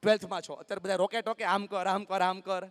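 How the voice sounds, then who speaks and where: A man gives a live motivational talk. He is lively and coaxing, joking with the crowd from the stage. His voice rings with long reverb in a large hall. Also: high-pitched, fast talker. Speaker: motivational speaker.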